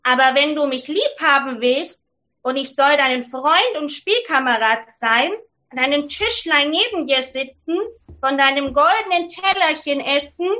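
A woman doing a bargaining frog, slow and coaxing. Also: high-pitched, pushed and bright, dull audio. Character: a talking male frog from the well, bargaining.

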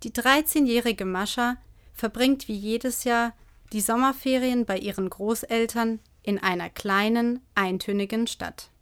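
A woman presenting a novel in a measured, earnest way, summarizing it and giving her recommendation. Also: on the high side, fairly even intonation, clear, resonant tone. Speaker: book reviewer. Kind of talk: book presentation with read excerpt.

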